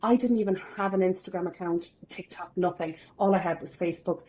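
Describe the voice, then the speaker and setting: Her life story comes out fairly quickly in a mellow, low-leaning voice: she's an Irish woman in her forties appearing as a podcast guest. The casual interview has her chatty, upbeat, and poking fun at herself.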